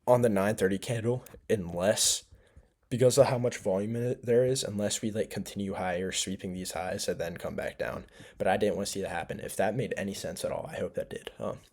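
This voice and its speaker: A young man talks through his trades in a loose, rambling way, full of ums and restarts, sounding sleepy. His voice sits low and has a gravelly, creaky edge. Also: darkish tone. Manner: rambling, filler-heavy, self-correcting. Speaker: trading vlogger. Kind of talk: casual screen-share recap.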